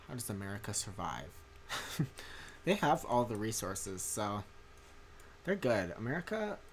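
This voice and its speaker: Young male streamer, low voice, rambly and tired, faint hiss behind. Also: fairly bright tone. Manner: rambling, many fillers and restarts. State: tired from a long day. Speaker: streamer and mod maker. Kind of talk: casual livestream commentary.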